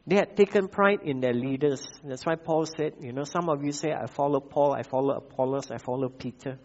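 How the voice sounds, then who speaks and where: A man with a Malaysian English accent preaching a sermon, repeating key phrases and pausing with frequent "uh" fillers. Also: mid-range voice, a little mellow, lo-fi sound. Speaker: pastor.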